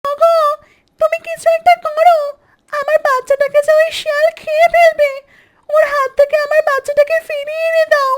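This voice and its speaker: A woman's voice: extremely high pitch, moderate pace, dry recording, studio quality. A woman voicing a mother duck who pleads tearfully for her lost duckling. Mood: distraught.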